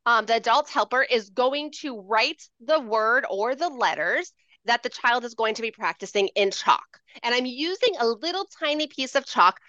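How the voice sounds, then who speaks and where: A woman educator giving a playful, animated handwriting demonstration over a video call, calling out strokes in a sing-song teacher voice. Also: a little high, moderate pace, no room sound, highs cut off.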